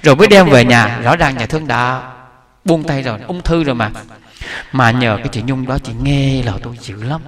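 A man's voice: mid-range voice, brisk, fairly bright tone. Man giving a buddhist talk, rambling storytelling, lots of restarts. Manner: conversational, repetitive restarts, chuckling asides. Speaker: Buddhist preacher. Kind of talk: storytelling sermon.

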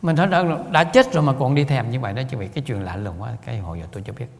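A man's voice: medium pitch, racing, big-room sound. A man with a Southern Vietnamese accent, a Buddhist lay teacher giving a storytelling talk, rambling and repeating words, often chuckling.

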